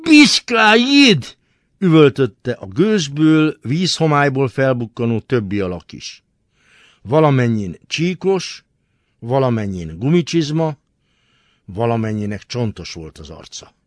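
A man giving a dramatic literary reading, expressive and swinging between hushed and forceful delivery. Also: medium pitch, no echo, studio quality. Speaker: reader.

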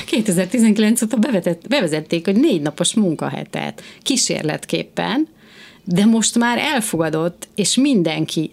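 A woman hosting a casual discussion, talking passionately and emphatically in quick bursts, a mother of two. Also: fairly low pitch, gravelly, darkish tone.

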